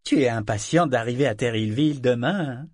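A man voicing a teasing, motherly female living ship in an audiobook, speaking in a low, knowing tone. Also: fairly quick, darkish tone, dry recording, clean studio sound, natural voice.

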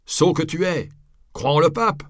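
Audiobook: male reader doing a crowd of shouting, jeering onlookers, high-pitched and loud. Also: expressive, normal speed, no echo, studio quality, natural voice.

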